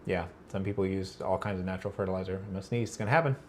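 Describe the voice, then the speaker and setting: A man with a fairly low voice chats through a casual livestream, circling his points with fillers and restarts. He is battling allergies as he talks. A faint hum of room noise sits behind him. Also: steady tone, racing, darkish tone. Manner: rambling, filler-heavy, self-correcting. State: allergies, about to sneeze. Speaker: livestream host answering chat.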